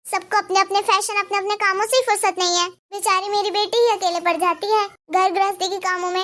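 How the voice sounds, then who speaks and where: Meddling cartoon neighbor, chatty and prying, voiced by a woman, with a very high voice. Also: a bit bright. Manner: chatty, probing, complaining. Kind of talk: cartoon dubbing.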